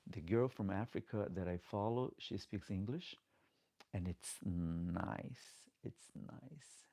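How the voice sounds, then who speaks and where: A drag queen livestreams from home late at night, chatting casually, reading comments out loud, and begging viewers for likes. He's a man with a Portuguese-speaking accent and a low, gravelly, warm voice that moves slowly.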